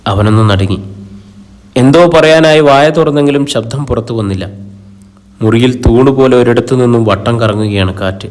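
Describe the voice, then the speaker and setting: Steady male horror storyteller. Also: medium pitch. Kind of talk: scripted horror story narration.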